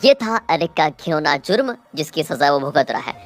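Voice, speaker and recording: A woman with a low voice retells a movie's plot in a dramatic storytelling manner. She talks to viewers directly, as if to friends. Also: sing-song, normal speed, soft background music. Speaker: movie recap narrator.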